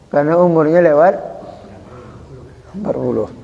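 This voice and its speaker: Slow, mellow religious teacher. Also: male voice, on the high side, animated, vocal fry. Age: over 40. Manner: chatty, joking, demonstrates greetings slowly. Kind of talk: informal religious study talk. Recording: dull echoey hall.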